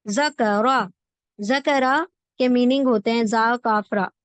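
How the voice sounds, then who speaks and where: A woman's voice: fairly high pitch, no echo. A woman teaching word-by-word translation of scripture, explaining patiently and repeating each word and its meaning for her students. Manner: slow, repeats words and meanings for drilling. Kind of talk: patient classroom explanation with repetition.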